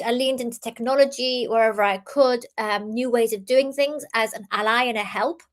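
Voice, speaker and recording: A young adult woman, born in Iran, giving an earnest talk as an author and innovation speaker, with many ums and restarts. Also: on the high side. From Iran, raised in the UK. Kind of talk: talk presentation.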